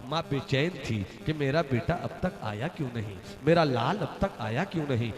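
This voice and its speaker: A man preaching a devotional sermon as a story, rhythmic and impassioned, building to shouted peaks at a large religious gathering. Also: mid-range voice, expressive, moderate pace. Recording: echoey hall with crowd behind.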